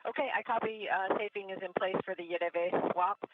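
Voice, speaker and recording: A woman's voice: mid-range voice, steady tone, a little fast, no echo. A woman gives clipped procedural reports over a crackly radio transmission. The sound is thin and tinny, and very dry. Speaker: space station crew member. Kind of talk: terse radio procedure talk.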